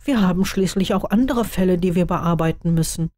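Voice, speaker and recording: A woman's voice: lowish voice, brisk, warm tone, dry recording, lightly acted. A woman reading the lines of a caring young male wizard, his partner's concerned companion.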